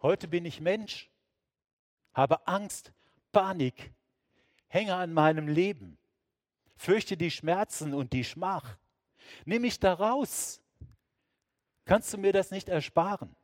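Man acting as anguished praying man, desperate, pleading, pitched up high, loud, dry sound. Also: animated, takes it slowly, pauses often, no echo, long reverb tail. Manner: raised, pleading, emotional.

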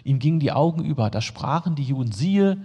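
A male preacher reads scripture and explains it, slipping into relaxed, everyday asides between the verses. His voice is dark and husky. It rings out with the long reverb of a large hall. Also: on the high side, a little fast. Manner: reads the text, then adds casual plain-spoken asides to the congregation. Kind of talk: sermon, reading scripture aloud and explaining it.

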